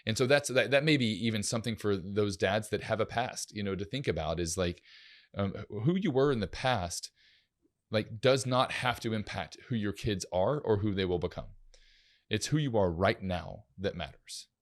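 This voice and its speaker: In this casual podcast chat, a male co-host reflects aloud in a voice on the low side, moving at a moderate pace. He restarts often and uses many fillers.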